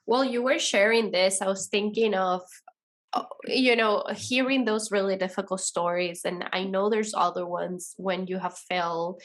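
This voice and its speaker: A woman's voice: medium pitch, a little slow. A woman hosting a podcast interview, asking questions and giving short, sympathetic responses. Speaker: podcast host. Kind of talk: interview conversation.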